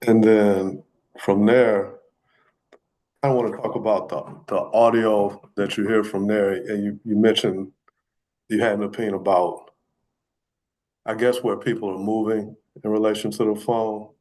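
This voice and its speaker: Male attorney, low voice, halting and self-correcting questioning. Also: level tone, darkish tone, poor audio. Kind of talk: courtroom questioning. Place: courtroom.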